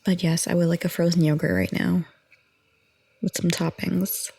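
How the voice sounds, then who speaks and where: Soft-spoken young woman with gravelly fry. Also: lowish voice, moderate pace, dry recording. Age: 20s. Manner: rambling, calm, chatty with soft laughs. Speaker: ASMR audio creator. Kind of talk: soft-spoken ASMR chat.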